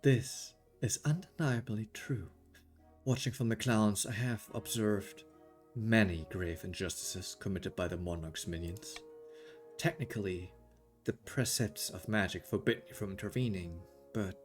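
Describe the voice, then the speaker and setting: A man's voice: on the low side, unhurried, soft background music, close to an everyday voice. A man voicing a stern storm wizard. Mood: solemn.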